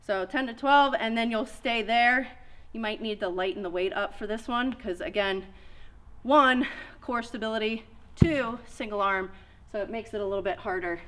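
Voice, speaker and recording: Bright-voiced woman coaching a workout. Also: fairly high pitch, moderate pace. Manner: cueing exercises step by step. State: out of breath. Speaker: fitness coach. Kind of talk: workout instruction.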